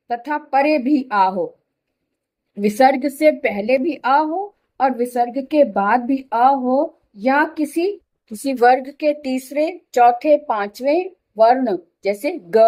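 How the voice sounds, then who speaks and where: A woman with a fairly high-pitched, darkish voice teaches a slow, explanatory Hindi grammar lesson. She patiently repeats letters and examples one at a time.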